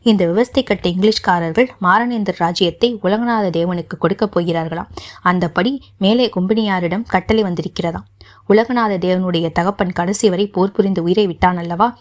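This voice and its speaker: A woman narrating an audiobook, voicing a proud king and father who speaks with mocking sarcasm in a fairly low voice. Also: moderate pace, lightly acted. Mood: sarcastic.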